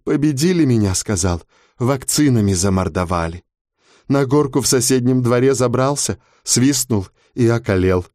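A man's voice: mid-range voice, expressive, moderate pace, darkish tone, no echo, studio quality, close to an everyday voice. A man voicing a gloomy, weary female Death who speaks in a glum, dragging way, in an audiobook.

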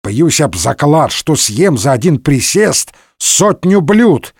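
A man voicing a boastful, gluttonous, hulking male musketeer, loud and husky, in a storybook reading. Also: on the high side, sing-song, slow, no room sound, studio quality, exaggerated voice. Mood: blustering. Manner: loud and blustering.

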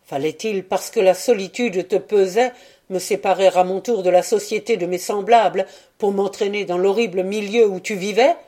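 A woman's voice: medium pitch, steady tone, normal speed, warm tone, close to an everyday voice. A woman reading aloud and voicing an angry, scornful young man who speaks with contempt. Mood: furious scornful. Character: young man, furious, bitter, scornful lover.

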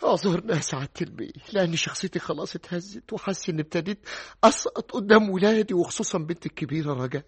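A jittery, obsequious middle-aged clerk speaks in a husky voice with an Egyptian accent. His pitch swings widely and his words tumble out fast. It sounds like an old radio drama recording. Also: expressive, no room sound, exaggerated voice. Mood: pleading. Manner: obsequious, pleading, flustered. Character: timid middle-aged male clerk, anxious flatterer. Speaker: government clerk Atiya Effendi.

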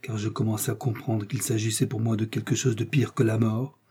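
A man's voice: on the low side, little pitch movement, fairly quick, mellow, husky. A man voicing a cunning, seductive noblewoman in an audiobook, declaiming with theatrical passion. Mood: anguished. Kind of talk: audiobook character reading.

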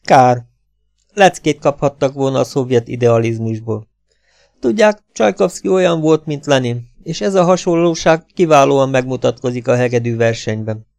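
A man voicing an excitable, vain middle-aged male Russian violinist who pleads and protests in a raised, high-pitched voice. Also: creaky, dry recording, lightly acted. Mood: pompous.

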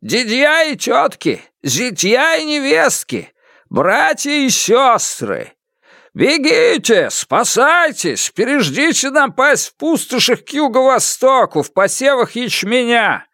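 A man voicing a village crier who calls out warnings in slow, drawn-out phrases. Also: very high-pitched, sing-song, gravelly, sharp tone, dry recording, clean studio sound, pitched above the performer's own voice, heavily acted. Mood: urgent warning.

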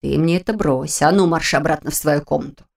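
A woman voicing a fussy elderly female cook who scolds with care, in a lower, hushed, hoarse and folksy voice. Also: a little fast. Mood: worried scolding.

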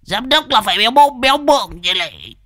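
A man's voice: very high-pitched, lively intonation, a little fast, pushed and bright, no room sound, clean studio sound, voice pushed up, full character voice. A man voicing a greedy, scrawny old village coffin maker who grumbles and brags. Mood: grumbling. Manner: grumbling, boastful, swings from muttering to shrieks.

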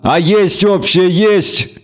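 A worried village peasant pours out his story in a folksy, rambling way, voice pitched well up and earnest, as a male narrator puts him on. He talks in homely country speech, eager to explain everything at once. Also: slow. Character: anxious talkative middle-aged village man.

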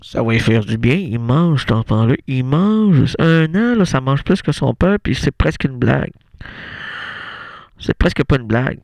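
Rambling Québécois radio host, gravelly. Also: male voice, mid-range voice, animated, measured pace, darkish tone, dry recording. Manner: rambling, self-interrupting, talks back to himself. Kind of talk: absurd comedy monologue. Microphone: radio studio microphone.

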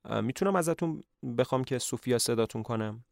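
A man's voice: mid-range voice, expressive, gravelly, no echo, clean studio sound. A man voicing an earnest young male teacher in a narrated play, polite and a little hesitant.

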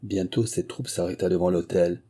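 Husky dark-voiced male narrator. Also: sits low, steady tone, moderate pace. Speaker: audiobook narrator. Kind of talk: scripted narration.

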